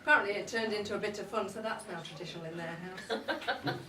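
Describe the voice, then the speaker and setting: At an indoor live event in a pub, a woman reads a comic dramatic monologue as a cheeky, boozy older mother-in-law gossiping at Christmas. Her mid-range voice is fast, pushed and bright, lightly acted, wry, bawdy, confiding and chatty in a gossipy, cheeky mood. The recording is roomy and distant, with crowd noise.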